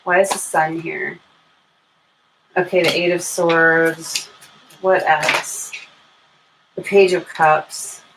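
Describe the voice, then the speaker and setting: A lower-voiced American woman hosts a live tarot stream, reading cards casually in a level tone, taking it slowly and pausing often. She thinks aloud, keeps things informal and addresses her viewers affectionately. Background noise and room ambience are clearly audible.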